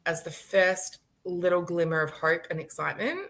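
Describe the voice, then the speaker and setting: A woman's voice: on the low side, moderate pace. A woman in her late thirties, a live-stream guest, telling a story with lots of laughter and acted-out quotes. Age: late 30s. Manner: animated storyteller, laughing often, acting out quotes. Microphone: video call.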